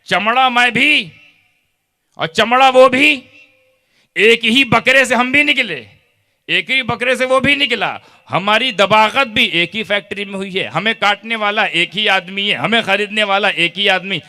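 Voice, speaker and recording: A man voicing a piece of shoe leather in a parable, loudly repeating its complaint of unfair treatment. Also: sits high, a little slow, pitched above the performer's own voice, exaggerated voice. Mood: indignant, aggrieved. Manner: loud, pleading, repeating its grievance.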